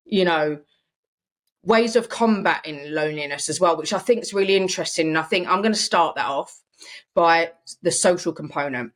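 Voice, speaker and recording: A young adult woman co-hosts a casual podcast conversation with a slightly low-pitched voice. She talks in an earnest, reflective way and often pads her points with "you know.". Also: moderate pace. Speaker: podcast co-host. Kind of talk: casual chat.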